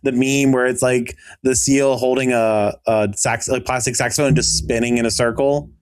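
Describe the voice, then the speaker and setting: A man's voice: medium pitch, level tone, clean tone, no room sound, studio quality. Laid-back male podcast co-host. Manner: laid-back, halting, repeats words. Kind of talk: casual podcast chat.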